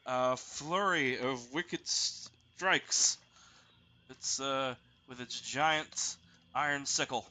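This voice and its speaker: A man running a tabletop roleplaying game as game master, narrating haltingly and piecing sentences together. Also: medium pitch, bright, forceful tone.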